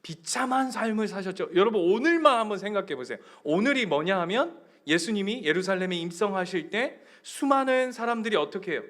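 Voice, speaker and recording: A man with a high voice preaches a Sunday sermon in a church sanctuary, speaking with a Gyeongsang accent. He moves between hushed, almost whispered asides and loud, emphatic cries. He questions the congregation directly and leads them in reading scripture together. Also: expressive, fairly quick, hardly any pauses. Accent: Gyeongsang Korean. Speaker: pastor.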